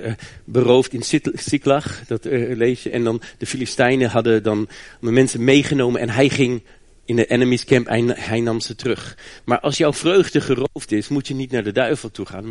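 A man's voice: medium pitch, no echo. A man preaching a sermon to his congregation. He speaks emphatically, often doubles words when he restarts a phrase, and chuckles lightly between phrases.

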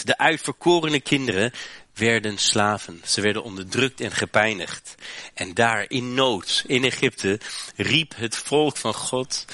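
Bright-voiced preaching man. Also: lowish voice, no echo. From Western Europe. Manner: preaching with frequent "hè" and repeated restarts. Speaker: pastor. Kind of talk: sermon.

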